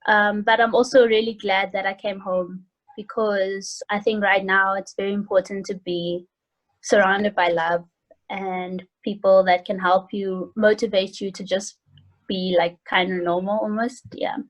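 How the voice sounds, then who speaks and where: On a video call from home, a South African university student from Johannesburg, early twenties, chats hesitantly and informally as an interview guest. Her mid-range voice stays level and unhurried. The recording sounds muffled.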